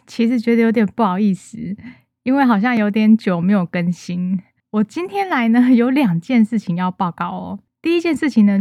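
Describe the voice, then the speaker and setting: A young adult woman hosting her own podcast, telling stories in an animated, chatty way. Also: medium pitch, no room sound. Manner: chatty, animated storyteller, playful complaining. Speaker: podcast host. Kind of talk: casual solo podcast chat.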